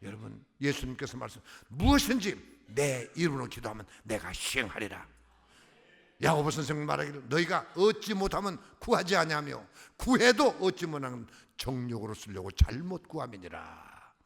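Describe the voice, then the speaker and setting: A man preaches a sermon in a church sanctuary, his voice swinging between loud crying-out and hushed murmurs. His pitch leaps up and down with lively energy over a gravelly edge. A long reverb from the hall trails each phrase. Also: moderate pace. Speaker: guest pastor.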